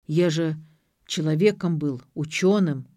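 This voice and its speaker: A befuddled drunk father shouts and rambles, losing his thread, as a woman reader puts him on. His voice stays fairly low and sits close and dry in the recording. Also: slow, dry recording. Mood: wistful. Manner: loud, confused, rambling.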